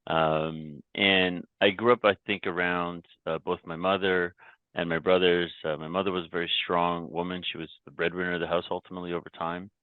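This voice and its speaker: Heard through a thin phone-like remote connection with a dry, close sound, a very deep-voiced Canadian man speaks flatly. As a company founder guesting on a podcast, he reflects casually on his story, halting, restarting and repeating words.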